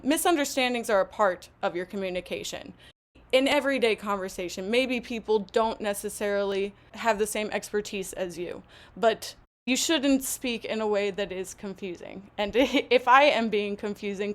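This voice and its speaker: Female English tutor on a live stream, deliberate and encouraging delivery. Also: mid-range voice. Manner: slow, deliberate, encouraging speech. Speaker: English teacher hosting a live session. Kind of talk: live online English lesson.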